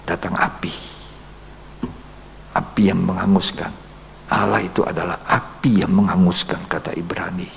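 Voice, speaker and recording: A male pastor telling a story, quoting people in a hushed voice and then urging his congregation forcefully. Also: lowish voice, gravelly. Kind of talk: Bible study sermon. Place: church hall. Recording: long reverb in a church hall, faint hum.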